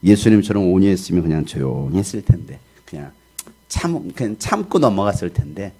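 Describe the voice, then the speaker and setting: Man, middle-aged pastor, sermon, husky rough voice, loud shouting delivery, acts out voices. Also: sits low, very animated, a little fast. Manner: loud, shouting preacher who acts out voices in his stories.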